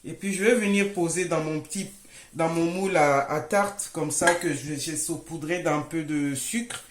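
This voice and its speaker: Speaking at a moderate pace in a deep voice, this woman runs a casual home baking video indoors in her kitchen. She chats warmly with her audience like friends and makes sure they're following along, in an echoey space with faint noise.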